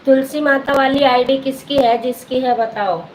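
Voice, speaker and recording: Woman, folk singer hosting a live stream; chatty, friendly, on the high side. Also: steady tone, normal speed, a little hiss or hum, low-quality recording. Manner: chatty, calls viewers sister, reads comments aloud. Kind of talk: casual live-stream chat.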